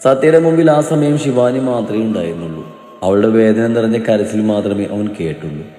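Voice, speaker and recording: A male storyteller giving an expressive, dramatic narration of an emotional story, with a mellow voice in a roomy, echoing space. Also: lowish voice, normal speed, faint music behind. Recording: roomy reverberant room.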